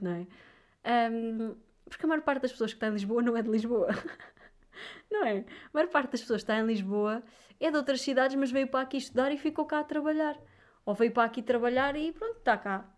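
A young woman from Viseu with a European Portuguese accent, ranting animatedly and casually to her viewers, full of little fillers. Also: on the high side. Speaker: vlogger. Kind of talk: casual chat.

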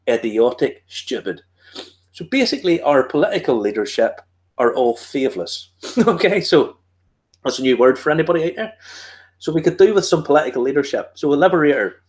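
A man's voice: mid-range voice, animated, fairly quick. A man with a Northern Irish Ulster accent, hosting a tasting in casual chat, explaining things with asides and questions to himself. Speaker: whiskey tasting host.

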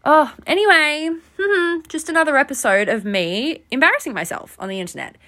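With a high voice and a moderate pace, a young podcast host tells a wandering story that pokes fun at herself. She's casual and animated but seems overtired.

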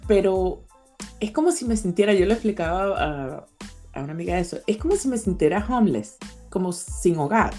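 A woman's voice: mid-range voice, expressive, fairly quick, mellow, soft background music. A woman from Venezuela with a Venezuelan accent, chatting casually and laughing often. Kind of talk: casual chat.

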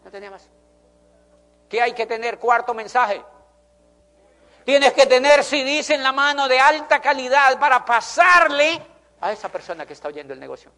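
A man's voice: extremely high pitch, lively intonation, normal speed, pauses often, bright, forceful tone. A middle-aged man, telling an emphatic motivational story to an audience and repeating phrases for effect. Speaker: motivational speaker.

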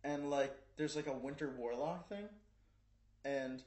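A man's voice: fairly high pitch, unhurried, darkish tone. Laid-back young man, casual chat. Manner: laid-back, says "dude" and "like" a lot. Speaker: podcast co-host. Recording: echoey room.

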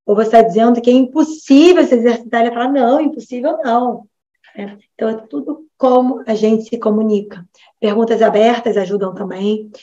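Brazilian woman nutritionist, chatty lecture, slightly high voice, kinda dull lo-fi sound. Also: fairly quick, mellow. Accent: Brazilian Portuguese. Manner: chatty, frequent "né?" and "tá?" tags, acts out patient dialogues. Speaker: nutritionist teaching health professionals. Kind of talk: casual online lecture.

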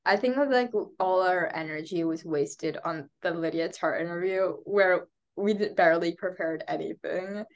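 This podcast co-host is a young woman with a lowish, congested voice who talks at a moderate pace with hardly any pauses, and the recording is muffled. She chats casually, rambling with many fillers and restarts and frequent laughter.

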